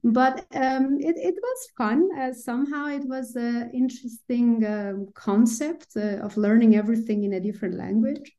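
Softly warm woman from Iran, many pauses. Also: a little high. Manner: hesitant, many fillers, laughs often. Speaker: podcast guest, physicist. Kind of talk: conversational interview.

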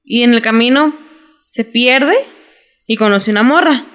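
Co-host: young Mexican woman, slangy animated storyteller, a bit high-voiced. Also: measured pace. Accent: Mexican Spanish. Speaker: podcast co-host. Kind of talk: casual chat recapping a drama.

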